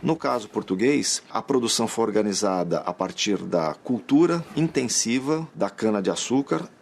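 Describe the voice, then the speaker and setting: A man's voice: on the low side, animated, normal speed, vocal fry, a little hiss or hum. A man explaining history in an interview, in a conversational teaching manner.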